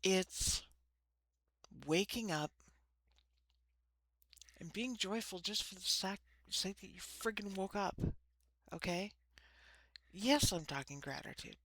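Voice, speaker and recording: A woman with a lisp and slushy s sounds, giving an informal spiritual talk to camera in short, halting phrases. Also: medium pitch, fairly bright tone, no room sound. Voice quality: lisping, slushy sibilants from ill-fitting dentures. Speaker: host of a spiritual card-reading channel. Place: small room.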